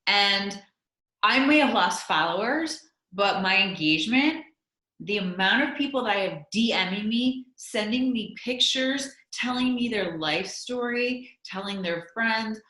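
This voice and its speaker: A woman's voice: mid-range voice, lively intonation, measured pace, bright, forceful tone. Candid chatty woman, roomy sound. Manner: candid, chatty, many likes. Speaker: guest, content creator. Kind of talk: podcast interview. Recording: roomy echo.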